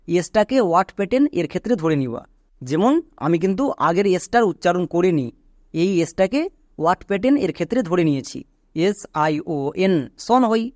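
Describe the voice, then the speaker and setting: A man's voice: high voice, darkish tone, no echo. A man teaches English pronunciation step by step. He keeps asking questions and then answering them himself. The recording is close and dry, with no room sound. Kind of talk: spoken lesson.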